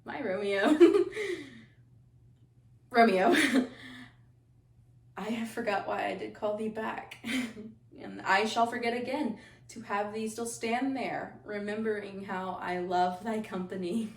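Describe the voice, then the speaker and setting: A woman playing a giggly lovestruck young girl. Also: mid-range voice. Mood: longing, playful. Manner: breathless and giggly, drawn-out verse. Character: young lovestruck girl calling to her lover. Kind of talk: classical stage monologue. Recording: echoey room from far off.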